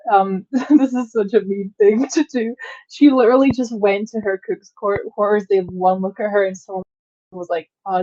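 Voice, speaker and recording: A woman playing in a tabletop game, telling her character's actions in an animated way with swearing. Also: mid-range voice, no echo, muffled recording. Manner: animated, swearing, laughing storyteller. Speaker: player.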